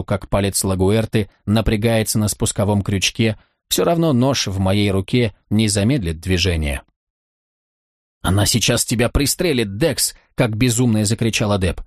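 A man reading a first-person audiobook in a measured, tense storytelling manner. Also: fairly low pitch, darkish tone, no room sound, clean studio sound. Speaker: narrator.

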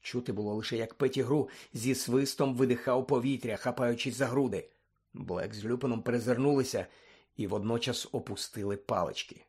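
A man narrating an audiobook in a steady, dramatic reading. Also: mid-range voice, a little fast, husky.

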